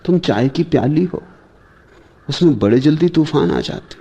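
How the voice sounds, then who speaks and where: A man giving a slow, measured spiritual discourse, pausing often and asking his listeners rhetorical questions. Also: on the high side, expressive, warm tone, highs cut off. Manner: slow, measured delivery with long pauses. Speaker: spiritual teacher.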